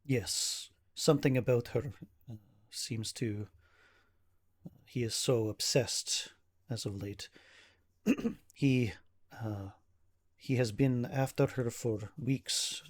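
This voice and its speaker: A man voicing a stressed, tired young nobleman who speaks in a formal, halting, old-fashioned way. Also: mid-range voice. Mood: worried. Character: weary young nobleman, grieving son of a town leader.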